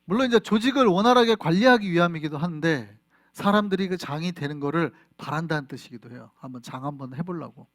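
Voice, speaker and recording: A man's voice: fairly high pitch, fast, fairly bright tone, no room sound, studio quality. A middle-aged man, a pastor, preaching a sermon in a conversational way and often asking the congregation questions. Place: church in Flushing, New York.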